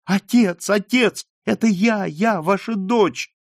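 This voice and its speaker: A man voicing a desperate young daughter, high and tearful. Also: animated, moderate pace, gravelly, no echo, clean studio sound. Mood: pleading. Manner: tearful high pleading cries.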